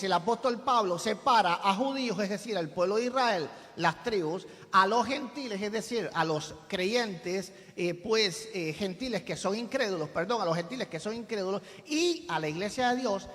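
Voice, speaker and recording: A man's voice: high voice, fairly bright tone, big-room sound. A man arguing a biblical point in a debate, asking his audience rhetorical questions with emphasis. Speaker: debater, preacher. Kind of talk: debate argument, preaching.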